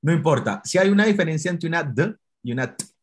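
A man's voice: on the high side, animated, quick pace, slightly rough. A man teaching English to Spanish speakers in an online class, explaining patiently, step by step, with many fillers.

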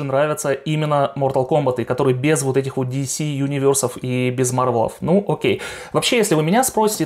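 A man's voice: on the high side, darkish tone. A young adult man hosting a game collection video, talking informally and with opinions straight to his viewers. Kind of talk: casual chat to viewers.

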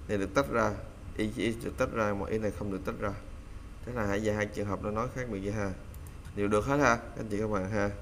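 Low-voiced man teaching English pronunciation. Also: vocal fry, a bit bright, slight background noise. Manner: repeats English phrases slowly after the recording, chatty fillers. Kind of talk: casual spoken lesson, repeating model sentences slowly.

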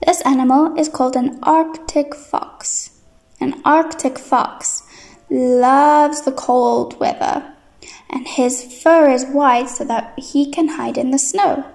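A young woman presents a lesson for little children like a bright, cheery kids' host. Her high voice is encouraging and sing-song, delivered slowly with a noticeable creak. Light music plays behind her. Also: fairly even intonation.

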